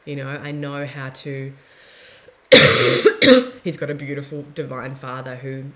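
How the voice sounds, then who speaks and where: A young woman guest talking in a heartfelt, soft-spoken way, often trailing off and restarting mid-thought. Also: very deep voice, takes it slowly. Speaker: podcast guest. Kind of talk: reflective casual conversation.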